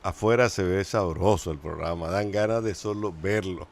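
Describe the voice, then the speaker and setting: A man's voice: sits low, moderate pace. A man, chatting casually as a panelist on a radio show. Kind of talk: casual chat.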